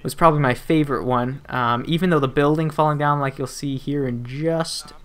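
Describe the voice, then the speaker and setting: A man's voice: on the high side, steady tone, brisk. A young man, talking casually over his gameplay footage as a gaming YouTuber, rambling with plenty of fillers and joking asides. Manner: rambling and chatty, with frequent fillers and restarts and playful asides.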